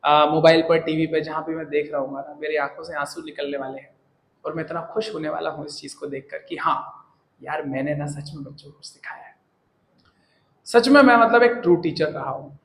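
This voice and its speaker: A man teaching, giving an earnest, animated motivational talk to his students. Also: fairly high pitch, a little fast, vocal fry, roomy sound, low-quality recording.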